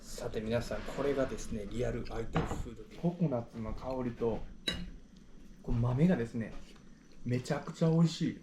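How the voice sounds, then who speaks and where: A man's voice: medium pitch, very fast. A man from Japan with a Japanese accent, presenting a casual vlog as host. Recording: echoey, noisy vlog sound.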